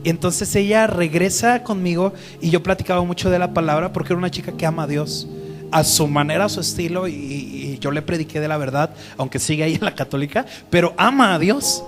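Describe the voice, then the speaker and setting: A man's voice: fairly high pitch, brisk, over music. A man teaching the Bible to a group in a conversational way, often asking them questions.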